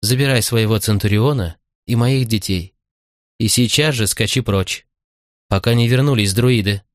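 A desperate captive Roman mother begs in a pleading, urgent voice pitched a little above a deep one, as a man narrating the audiobook puts her on. The storybook reading sounds close and dry. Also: moderate pace, no echo, lightly acted.

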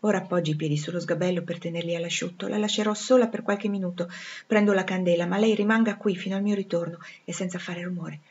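A woman reading as a brusque commanding gentleman. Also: on the low side, steady tone, fast talker, close to an everyday voice. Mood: hushed, commanding. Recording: slightly dull lo-fi recording.

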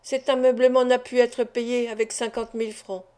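A resolute, anguished wife, as a woman reader voices her, pouring out an earnest confession. The voice is fairly high and mellow, with a warm, soft tone. It is heard in a storybook reading of a classic novel. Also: flat delivery, normal speed, clear, resonant tone, close to an everyday voice.

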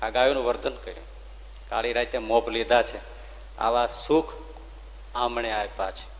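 A male swami with a Gujarati accent preaches a lively devotional story, letting his voice leap up for drama and slow down for the verses. His voice sits at an ordinary middle pitch. A long reverb of a large hall trails after every phrase. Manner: lively storyteller, rising loud for drama and slowing to chant verses. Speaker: swami giving a religious discourse.

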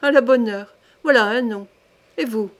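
A woman voicing a jovial old king who exclaims loudly in delight, in an audiobook reading. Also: fairly high pitch, moderate pace, close to an everyday voice.

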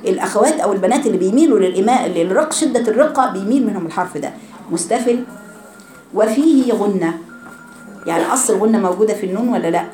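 A woman's voice: medium pitch, lively intonation, rapid-fire, warm tone, roomy sound, a little hiss or hum. A woman teaching Quran recitation rules to a class of girls, speaking with an Egyptian Arabic accent and drawing out syllables as she drills pronunciation. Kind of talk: classroom tajweed lesson.

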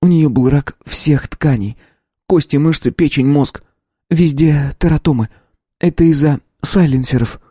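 A man voicing a young female lab scientist in an audiobook, earnest and measured as she explains. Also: a little high, warm tone, husky, no echo, clean studio sound. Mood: sorrowful.

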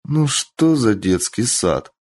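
A man's voice: lowish voice, big pitch swings, slow pace, dry recording, heavily acted. Man doing a stern, exasperated young princess. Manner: commanding, sharp, exasperated.

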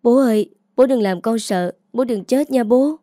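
A woman's voice: fairly high pitch, moderate pace, warm tone, dry recording, clean studio sound, pitched above the performer's own voice, close to an everyday voice. A woman voicing a frightened teenage girl who pleads through tears. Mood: pleading. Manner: sobbing, pleading.

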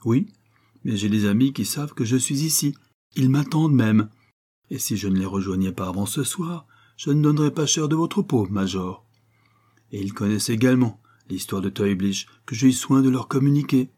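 A man voicing a cool, ironic English lord who bargains with unhurried self-assurance in a storybook reading. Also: medium pitch, dark tone, slightly rough, close to an everyday voice.

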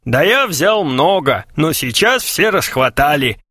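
A man playing a cheeky male street newspaper hawker with boastful patter. The voice bounces lively in pitch, a comic storybook bit, close and dry. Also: measured pace, no echo, exaggerated voice.

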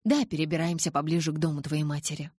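Woman doing a brisk young girl friend, husky lowish voice, audiobook. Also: darkish tone, no echo, studio quality. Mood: matter-of-fact. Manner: quick, matter-of-fact. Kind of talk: audiobook character voice.

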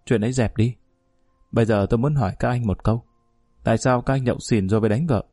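Brief: steady, no-nonsense village woman mediator, read by a man, middle pitch, firm and measured. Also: no echo, faint music behind, natural voice. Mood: calm firm. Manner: measured, plain-spoken, commanding.

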